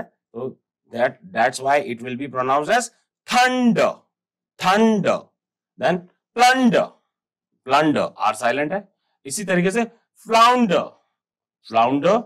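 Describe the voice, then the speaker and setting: A man teaching a school English lesson, explaining in Hindi, spelling words out letter by letter and repeating them slowly. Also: medium pitch, fairly bright tone.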